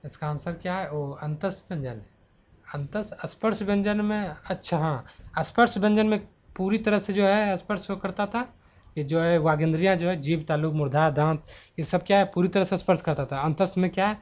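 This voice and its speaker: At home in front of his laptop, a man teaches a grammar lesson for exam prep into a handheld mic, which gives a dull, lo-fi sound. He thinks out loud and corrects himself along the way, speaking in a high-sitting voice at a moderate pace.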